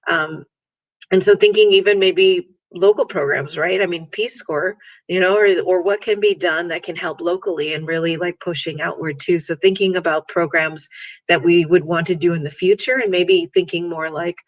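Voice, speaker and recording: A man's voice: high-pitched, fairly even intonation, normal speed. Rambling man moderating, dull audio. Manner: rambling, many "you know" fillers. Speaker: panel moderator. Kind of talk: moderating a discussion.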